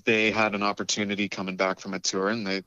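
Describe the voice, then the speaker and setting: Rambling man in casual interview, lowish voice. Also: level tone, fast, pushed and bright, clean tone, no echo, lo-fi sound. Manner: rambling, acts out quoted dialogue. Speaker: musician guest, drummer.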